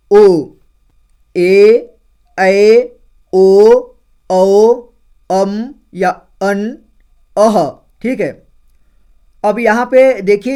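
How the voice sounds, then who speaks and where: Male tutor, high clear voice, slow patient delivery, recites syllables with repeated check-ins. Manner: slow, repetitive, often adds "theek hai" and calls viewers friends. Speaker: Hindi teacher. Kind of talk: explaining and reciting Hindi syllables.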